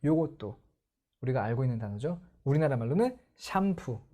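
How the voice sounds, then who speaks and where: A woman's voice: rumbling low, animated, brisk, warm tone. A young woman teaching English pronunciation in an online lecture, explaining and putting questions to the viewers.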